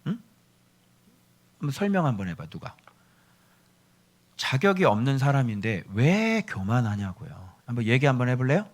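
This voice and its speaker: A male pastor preaching a sermon in an emphatic, scolding way, swinging between loud bursts and whispers and acting out quoted prayers. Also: mid-range voice, very animated, normal speed, long pauses. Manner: acts out quoted prayers and speech.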